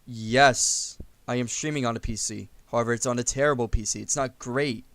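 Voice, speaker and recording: A man hosting a relaxed voice-chat stream from his home computer, with a mid-pitched voice. He keeps a laid-back, mumbling delivery, teasing his friends and joking about himself. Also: moderate pace, no room sound. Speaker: stream host.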